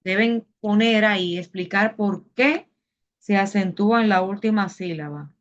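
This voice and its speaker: A woman's voice: medium pitch, measured pace, muffled recording. A woman teaching a class, explaining patiently step by step and asking her students questions. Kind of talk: online Spanish class.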